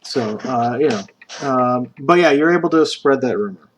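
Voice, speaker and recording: Relaxed male game master. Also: mid-range voice, normal speed. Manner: relaxed, describes scenes with many fillers. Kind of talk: narrating a tabletop game.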